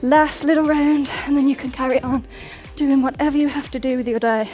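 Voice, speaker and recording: A fitness instructor, young and female, guides a workout over soft background music, upbeat as she counts sets down and narrates the reps. She talks fairly quickly in a mellow, slightly high voice with fairly even intonation, sometimes short of breath.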